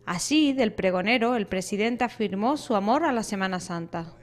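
A woman's voice: medium pitch, expressive, moderate pace. A woman with an accent from Spain narrating a scripted news report as a reporter.

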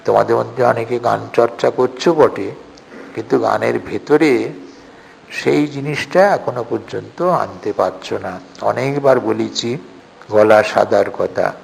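Older male speaker, gravelly and slow, spiritual talk, reverberant hall with faint noise. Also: mid-range voice. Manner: slow, earnest exhortation, reciting passages then explaining them. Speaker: speaker addressing a youth organization. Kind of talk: spiritual talk with recited passages.

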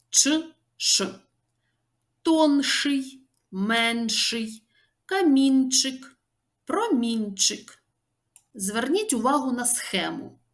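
A woman teacher with an Odesa accent, giving a scripted grammar lesson and stressing each example word slowly and deliberately. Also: fairly high pitch.

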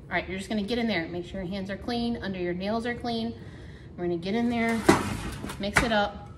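Heavy background noise surrounds a middle-aged home cooking vlogger whose mid-range voice narrates a casual cook-along. She chats and thinks aloud while working in her kitchen. The camera sits on the counter, catching the clatter of dishes and pans.

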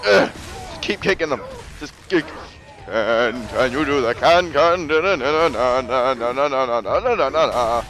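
A man giving casual gameplay commentary, excitable and jokey, with frequent exclamations and swearing. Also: medium pitch, measured pace, slight background noise, poor audio. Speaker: gamer narrating a let's play.

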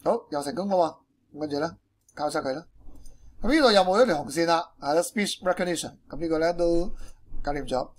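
A man's voice: fairly high pitch, fast talker. A man with a Hong Kong accent presenting an informal programming tutorial, mixing in English technical terms. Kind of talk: informal screencast tutorial explanation.

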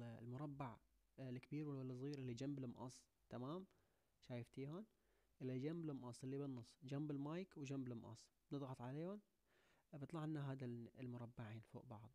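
A young man giving a video editing tutorial, talking quickly and constantly checking that the listener is following. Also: mid-range voice, mellow. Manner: rapid, keeps checking in. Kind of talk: screen-recorded tutorial.

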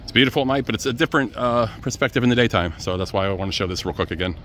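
Low-voiced man on a chatty walking tour. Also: racing, a bit bright. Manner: easygoing, chatty, addresses viewers as guys. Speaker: travel vlogger. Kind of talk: casual walking-tour narration. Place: outdoors on city streets. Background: faint street and traffic noise.

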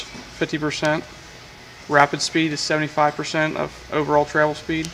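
Filmed on a camera mic in a workshop, a man demonstrates a welding machine's control panel, explaining it matter-of-factly with lots of fillers. He has a fairly high, fairly bright voice, and the rough recording carries slight background noise.

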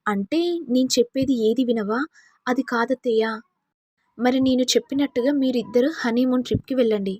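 A woman voicing a caring middle-aged mother-in-law who speaks gently and consolingly. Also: a little high, fairly even intonation, brisk, no room sound, clean studio sound, natural voice.

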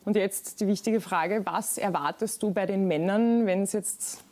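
A young woman hosts a sports talk in a TV studio. Her voice is warm and mellow. She moves briskly from question to question. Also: mid-range voice. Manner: brisk, scripted question leading. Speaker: host. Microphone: lapel mic.

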